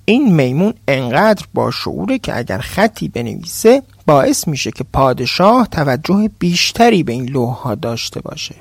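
A man's voice: a little high, big pitch swings, gravelly, few pauses, breathy edge, dry recording, studio quality, full character voice. A man voicing a kindly, firm ship captain in a told folk tale, speaking in a commanding, reasoning tone.

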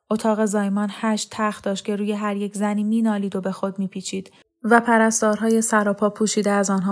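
A woman reads a novel aloud as steady scripted narration, her voice sitting at an ordinary middle pitch. When the characters shout, she lifts her voice higher and louder. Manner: raises pitch and volume for shouted dialogue. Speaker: audiobook reader.

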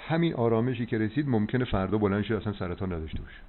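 A man's voice: on the low side, animated. A man giving health advice as a doctor on a phone call, preachy and insistent, checking that he is understood. He is heard over a landline phone line. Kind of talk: phone consultation. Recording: tinny phone line with faint hiss.

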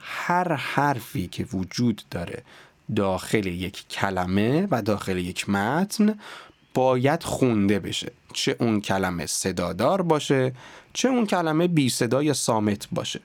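A man teaching pronunciation in a podcast lesson, sometimes demonstrating words very slowly and deliberately. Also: medium pitch, big pitch swings, dry recording. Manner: slow, deliberate, over-articulated demonstrations. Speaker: diction coach.

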